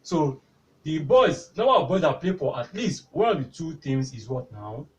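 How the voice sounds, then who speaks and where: A man's slightly high voice swings widely in pitch as he teaches a maths lesson at a normal pace. He keeps asking "what now?" to prompt answers while explaining step by step on the whiteboard, and the distant recording has its highs cut off.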